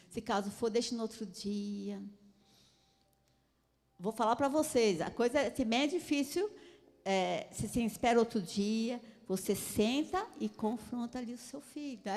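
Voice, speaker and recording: A woman with a Brazilian Portuguese accent gives a conversational sermon, sharing personal stories and checking in with her listeners for agreement. Her voice sits a little high, and she laughs often as she talks. A long reverb trails behind her, as in a large hall. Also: darkish tone. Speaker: church speaker on parenting.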